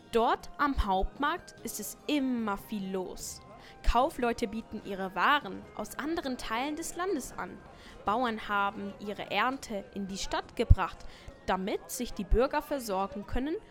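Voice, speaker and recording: Woman storyteller, highish voice, scripted kids tale, faint music behind. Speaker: narrator. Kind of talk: scripted storytelling narration for children.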